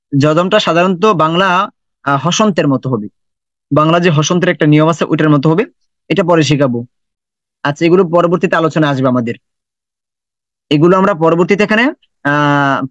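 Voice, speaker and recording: Man, Quran teacher, patient explaining, fairly high voice, dull dry recording. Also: dry recording. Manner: patient explaining, repeats sounds and examples. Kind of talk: online recitation lesson.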